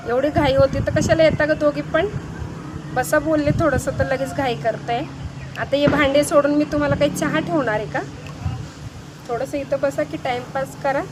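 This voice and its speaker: A high-pitched woman rattles on in a teasing, bossy way, playing hostess to friends who never get a word in. She scrubs dishes as she talks, standing outside her home. Clear outdoor noise runs under her voice. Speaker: comedy video creator. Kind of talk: one-sided comic monologue to visitors.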